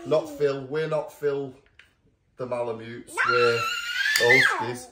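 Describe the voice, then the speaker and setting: A man's voice: medium pitch, huge pitch swings, slow pace, raised voice. A man with a Mancunian accent from Manchester, casually hosting a family quiz at home in a playful, laughing way. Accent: Mancunian English. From Manchester, England. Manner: playful, laughing, slips into doting baby talk with the dogs. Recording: echoey room with background noise.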